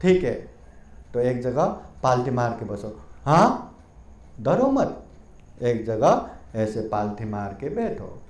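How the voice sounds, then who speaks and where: A man playing a calm, patient Buddha who gently teaches meditation in a soft, low voice, in an echoey room. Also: slow pace, long pauses. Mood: gently guiding.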